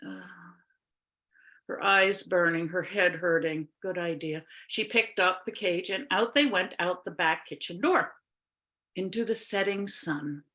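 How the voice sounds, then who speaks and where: A woman telling a fairy tale live, expressive and unhurried, lingering on images with drawn-out pauses, heard over a video call. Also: fairly low pitch. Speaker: storyteller. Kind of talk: live oral storytelling.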